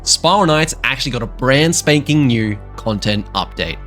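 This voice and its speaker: A young man with a sick voice walks through a game update in scripted narration, cracking jokes as he goes. His delivery is playful, and his pitch swings widely while staying mid-range. Faint music plays underneath. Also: moderate pace. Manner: playful, joking, animated delivery. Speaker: gaming YouTuber.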